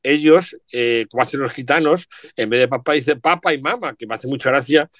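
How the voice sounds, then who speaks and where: A middle-aged man appears as a guest in a casual chat, reflecting on family words and often drifting into asides. His medium-pitched voice is brisk and a bit bright. The recording is dry and of studio quality.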